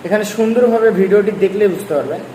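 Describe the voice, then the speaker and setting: High-voiced male teacher in an echoey room. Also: very fast, mellow. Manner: repetitive, coaxing explainer. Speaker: language teacher. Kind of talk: online lesson. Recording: echoey room, faint noise.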